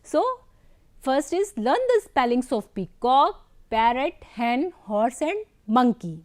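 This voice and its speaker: A woman teacher speaks to small children in a fairly high voice. Her delivery is very slow and deliberate, and her pitch rises and falls a lot. She spells words out letter by letter and praises often. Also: sing-song, darkish tone. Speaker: primary school English teacher. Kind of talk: classroom lesson for young children.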